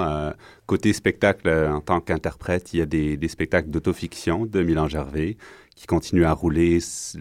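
A man with a Québécois accent and an extremely low, deep voice speaks as a guest on a radio show. He talks in a relaxed way, pausing on fillers as he explains his work. The sound is close and dry. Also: dry recording. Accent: Québécois French. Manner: relaxed, many hesitation fillers. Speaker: guest dancer and choreographer. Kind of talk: casual radio interview.

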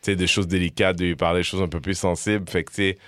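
A man's voice: low-pitched, fast talker, no room sound. A young man with a Quebec French accent chatting casually as a comedian guest, switching between French and English. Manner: code-switching, laughing, animated storytelling. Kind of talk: casual podcast chat.

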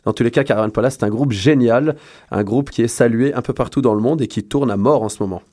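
A man hosting a casual radio show, joking and teasing his co-hosts, often pausing on fillers as he talks. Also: mid-range voice, darkish tone. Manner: playful, teasing, hesitant with fillers.

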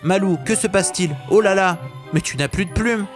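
A man voicing a small, brave and clever male weaver bird who talks excitedly, pitched above his own voice in a children's audio story. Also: moderate pace, music in the background, close to an everyday voice. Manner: excited, eager.

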